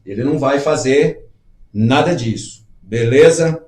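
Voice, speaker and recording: A mid-range, slightly mellow male voice speaks a little slowly in a reverberant space. He's a middle-aged live-show host who reads viewers' comments aloud, discusses them in an earnest, conversational manner, and acts out short dialogues.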